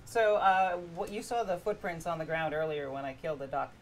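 A woman's voice: low-pitched, fairly quick. A woman co-hosting a live game stream, explaining the rules in an upbeat way while she steers. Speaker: co-presenter steering the ship. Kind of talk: live stream gameplay commentary.

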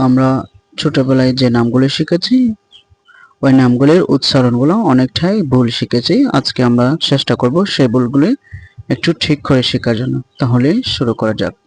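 A man hosting a YouTube lesson, slowly drilling English pronunciation by repeating each word several times. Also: mid-range voice, a little mellow, poor audio. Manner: slow, drilling words with repetition. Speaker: English pronunciation teacher, channel host.

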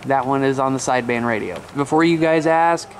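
Speaking a little fast at medium pitch, an informal, laid-back American vlog host in his thirties chats to the camera. Scenes move from outside by a mobile home to a small room inside. The camera is handheld at arm's length, and outdoor noise is clearly audible.

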